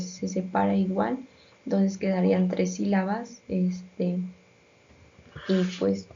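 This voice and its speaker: A woman's voice: mid-range voice, gravelly, warm tone. A woman reading a school presentation, hesitant and full of fillers. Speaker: student presenter. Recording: dull lo-fi sound.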